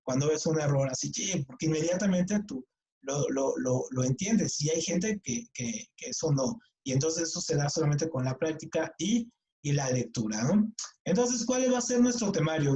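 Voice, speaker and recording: A man's voice: a little high, dark tone, a little hiss or hum, rough recording. A middle-aged man with a Mexican accent teaching a writing workshop in a casual, chatty way, often restarting and repeating words. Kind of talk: online class lecture.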